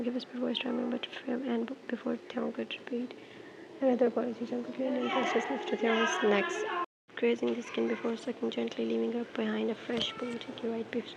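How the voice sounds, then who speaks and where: A woman reading a romance fan fiction aloud, soft and slipping into whispers, with small stumbles and restarts. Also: a little high, vocal fry, muffled recording, background noise. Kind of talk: storytime narration.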